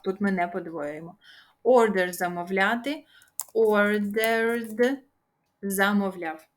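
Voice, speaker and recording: A young woman teaching English grammar in a patient, encouraging way, drawing out the example words. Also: medium pitch. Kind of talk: explaining grammar rules.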